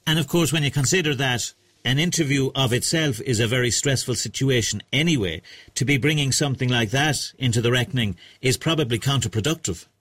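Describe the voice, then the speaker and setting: A man presenting a radio programme, putting formal, measured questions to a guest. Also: medium pitch, fairly bright tone, breathy edge, dry recording.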